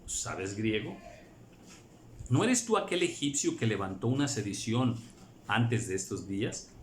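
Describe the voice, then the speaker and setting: A preacher voicing a stern Roman commander who questions curtly in a gruff, lowered tone. The sound carries a roomy echo. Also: male voice, expressive, unhurried, slight background noise. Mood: suspicious. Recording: echoey room.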